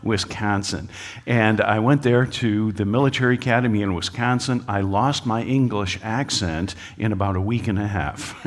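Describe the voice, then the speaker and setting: A man's voice: on the low side, normal speed, few pauses, long reverb tail. A man giving a public lecture to a live audience, folksy and joking, with frequent filler uhs. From United States. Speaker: speaker at a creationist talk. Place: lecture hall.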